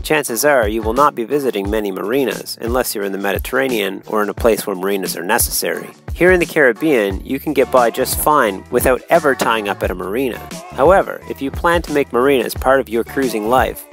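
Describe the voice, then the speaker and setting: A man in his thirties giving calm, measured, instructive voice-over narration for a sailing vlog. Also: medium pitch, gravelly, faint music behind. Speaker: sailing vlogger.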